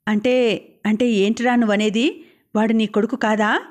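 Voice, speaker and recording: A woman voicing a stern, aging village father who speaks in a measured, grave way. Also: fairly high pitch, steady tone, natural voice.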